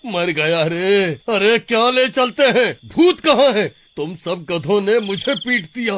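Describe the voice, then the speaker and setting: A man's voice: high voice, expressive, slow, background noise. A man whining as a beaten, groaning cartoon villager. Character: beaten dazed male villager, whining and aggrieved.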